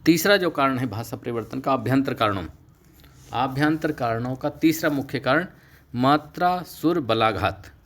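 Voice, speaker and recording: Man giving a steady lecture. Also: mid-range voice. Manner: steady explanatory delivery, slows to stress key terms. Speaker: Sanskrit teacher. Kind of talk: recorded online lecture.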